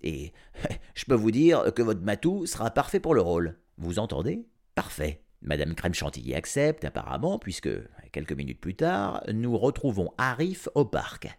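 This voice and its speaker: A man reading an audiobook aloud, narrating as a grumpy cat in a sardonic, animated first-person voice. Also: fairly low pitch, moderate pace. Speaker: storyteller.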